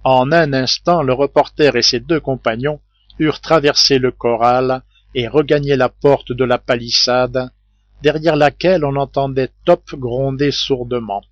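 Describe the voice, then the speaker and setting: Male audiobook narrator, measured reading, slow pace, dry, slightly dull recording. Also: mid-range voice, no echo. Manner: measured, steady. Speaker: audiobook reader. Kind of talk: scripted narration. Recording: dull, muffled home recording.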